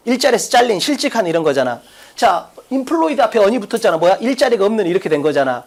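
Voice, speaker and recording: A man teaching an exam-prep English lesson in a classroom, blunt and full of rhetorical questions, with crude slang mixed in. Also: sits high. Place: classroom in front of a blackboard.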